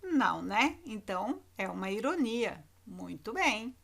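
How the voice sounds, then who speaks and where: A woman's voice: fairly high pitch, big pitch swings, a little slow, creaky, fairly bright tone. A Brazilian woman teacher giving a recorded lesson to children, repeating key words with emphatic intonation. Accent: Brazilian Portuguese.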